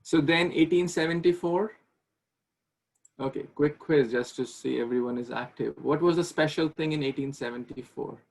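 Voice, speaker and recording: Man teaching an online class, gravelly. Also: on the high side, normal speed, a little mellow, low-quality recording. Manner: conversational, repeats and restarts words, asks questions. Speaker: speaker giving a class. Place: small room indoors with ceiling fan. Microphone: video call webcam.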